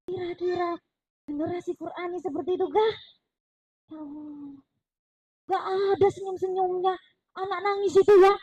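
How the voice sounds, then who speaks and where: A woman giving a religious parenting talk in a lively, chatty way, slipping in words and acting out other people's lines. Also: extremely high pitch, normal speed, long pauses, lo-fi sound. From East Java. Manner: lively, chatty, mixes Javanese words, acts out voices of others. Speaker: parenting seminar speaker. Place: mosque hall.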